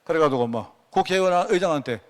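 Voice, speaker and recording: A male pastor with a Gyeongsang Korean accent preaches conversationally, often putting questions to the congregation. He talks fast in a slightly high voice with lively intonation.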